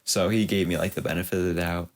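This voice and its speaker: A man's voice: sits low, fairly even intonation, fast. A young man, a podcast co-host telling a long story in casual chat, rambling and laughing often. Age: young adult.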